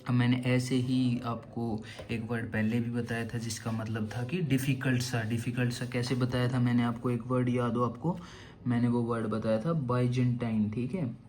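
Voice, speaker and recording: A man's voice: mid-range voice, steady tone, normal speed, a little mellow. A young man teaching vocabulary for exams. He explains memory tricks and keeps saying "theek hai" between points. He asks his own questions and answers them. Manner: explains with mnemonics, says "theek hai" constantly. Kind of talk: online vocabulary lesson.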